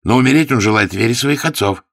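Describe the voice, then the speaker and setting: A man's voice: medium pitch, quick pace, creaky, a bit bright, dry recording, clean studio sound, pitched above the performer's own voice. A man voicing a stern, zealous Protestant pastor who preaches indignantly. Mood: insistent.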